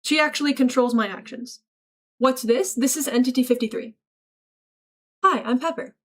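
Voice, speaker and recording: High-voiced playful woman streamer. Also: normal speed. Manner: playful, reads chat aloud and answers it with mock-serious bits. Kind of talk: casual livestream chat.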